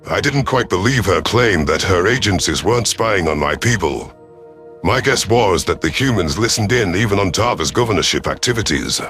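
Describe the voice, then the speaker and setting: A man with a low, slightly bright voice narrates a first-person science fiction audio story in a dramatic scripted reading. He plays the part of a grave alien commander.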